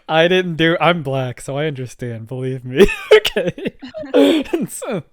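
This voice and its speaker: A man's voice: fairly high pitch, wildly swooping pitch, takes it slowly. A man hosting a casual podcast chat, laughing often and checking for agreement with "okay?". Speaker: podcast host.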